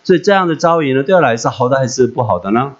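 Man giving an animated, emotional sermon testimony. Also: medium pitch, rapid-fire. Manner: emotional, animated, asks listeners questions. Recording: dull lo-fi with mains hum.

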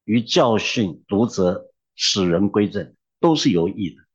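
A man's voice: fairly low pitch, expressive, a little slow, husky, lo-fi sound. A man preaching a sermon, emphatic and exhorting, who drops into humorous storytelling.

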